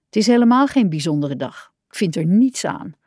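A woman voicing a cheerful young male frog who is eager and easily upset, in an expressive storybook voice. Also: mid-range voice, moderate pace, no room sound, clean studio sound. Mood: grumbling, sad.

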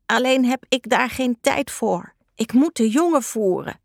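Woman voicing a high-pitched, fretful storybook magpie father, hurried and busy. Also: lively intonation, dry recording, clean studio sound. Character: busy fussy male magpie parent.

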